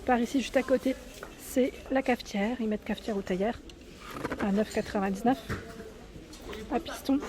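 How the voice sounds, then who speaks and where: High-voiced chatty woman vlogging in a store. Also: normal speed, long pauses, noisy background. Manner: chatty, adds "hein" often, addresses viewers directly. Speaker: vlogger showing store products. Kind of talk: casual shopping vlog with price commentary. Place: inside a large furniture store, filming while walking.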